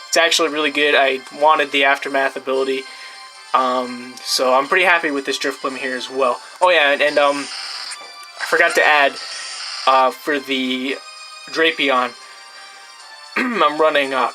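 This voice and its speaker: A man's voice: a little high, pushed and bright, poor audio. A young man casually walking through his game team, rambling with many fillers and restarts. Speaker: gameplay video creator.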